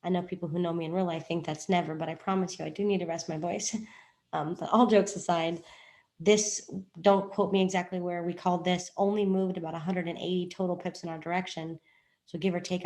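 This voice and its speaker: A woman's voice: on the low side, level tone, a little fast, darkish tone. A woman, a trading coach chatting through a chart in a rambling, self-joking way. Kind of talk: casual screen-share explanation.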